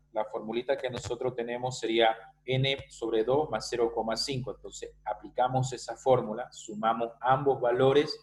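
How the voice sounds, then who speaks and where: A man's voice: mid-range voice, a little mellow, slight background noise, poor audio. A male teacher giving an online math lesson, explaining step by step and often checking that students follow. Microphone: video call.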